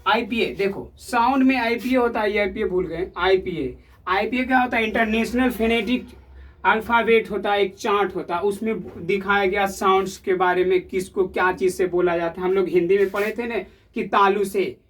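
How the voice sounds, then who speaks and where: A man's voice: high voice, moderate pace, a bit bright. A man teaching English sounds to a class, repeating words and asking the pupils questions again and again. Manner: repetitive, quizzing the class with questions. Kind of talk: classroom lesson. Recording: voice heard from a distance.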